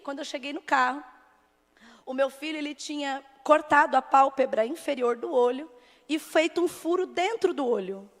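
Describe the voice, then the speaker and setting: A Brazilian woman preacher with a very high voice gives a Pentecostal sermon and testimony in a large church. She narrates with acted dialogue and climbs to fervent shouting. The sound carries a long hall reverb. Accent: Brazilian Portuguese. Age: adult with a teenage son. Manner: storytelling, acts out dialogue, builds to fervent shouting. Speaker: missionary preacher.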